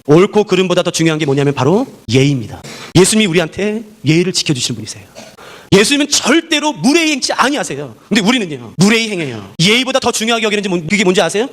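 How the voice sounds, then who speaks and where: Rapid, lively male pastor preaching. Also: high-pitched. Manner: animated, full of rhetorical questions to the congregation. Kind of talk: sermon.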